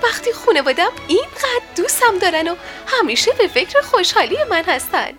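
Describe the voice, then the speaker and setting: Man putting on a mother cat voice, very high, tender, affectionate, children's storybook, faint music behind. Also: big pitch swings, bright, forceful tone, full character voice. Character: gentle loving mother cat.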